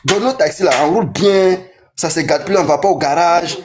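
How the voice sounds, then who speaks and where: A man with an Ivorian French accent, a taxi driver arguing in a casual street debate, excitable and prone to repeating himself. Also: high-pitched, fairly quick, music in the background. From Côte d'Ivoire.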